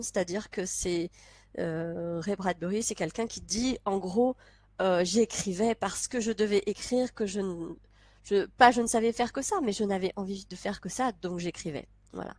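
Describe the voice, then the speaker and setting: At a moderate pace, a young vlogger with a mid-range, slightly mellow voice chats casually to the camera. A cold has left her congested and stuffy-sounding, and she laughs often and begins sentences again. The audio has no echo.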